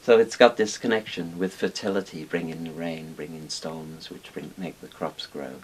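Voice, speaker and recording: An older man from Wales, speaking as an interviewed expert on Chinese dragons, explains things casually and discursively in a small book-lined room. His extremely low, husky voice holds a steady tone at a moderate pace. The audio is poor, with hissy background noise.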